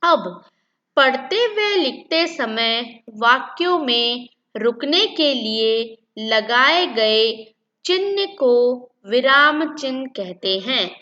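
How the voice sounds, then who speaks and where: A woman's voice: high voice, lively intonation, drawn-out words, bright, forceful tone, muffled recording. A woman teaching a lesson to children, repeating key points and asking then answering her own questions. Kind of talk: classroom-style lesson for children.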